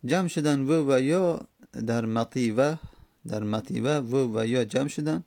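A man lecturing on Arabic grammar, explaining each step and repeating words slowly to drill them. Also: mid-range voice, warm tone, dry recording, studio quality. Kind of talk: classroom lecture on Arabic morphology.

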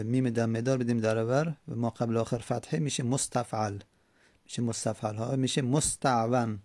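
A man teaching Arabic grammar, reading a text and slowly repeating word forms aloud. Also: medium pitch, darkish tone, no room sound. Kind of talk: classroom lesson with text reading.

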